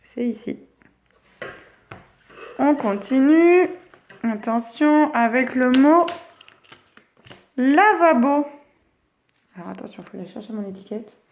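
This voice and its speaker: A woman teacher giving a phonics lesson to young children, stretching each word slowly as she says it. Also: on the high side, expressive, a little mellow. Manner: slow, drawn-out words for children.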